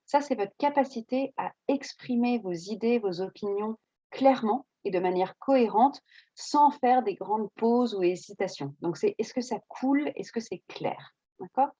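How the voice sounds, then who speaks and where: A woman's voice: a little high, lively intonation, normal speed, warm tone, dry recording, highs cut off. A woman English teacher explaining exam preparation in a reassuring, conversational way, with frequent fillers.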